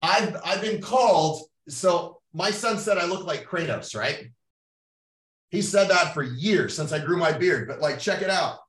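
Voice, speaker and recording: A middle-aged Canadian man with a slightly high, fairly bright, expressive voice hosts a podcast at a somewhat slow pace. Coaching his listeners, he's blunt and profane in a motivational monologue, recorded in a roomy space with the mic far off.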